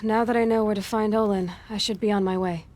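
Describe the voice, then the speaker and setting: A woman's voice: mid-range voice, steady tone, quick pace, a little mellow, natural voice. Aloy, a woman voicing a blunt young huntress. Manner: terse, direct, self-reliant. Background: game music.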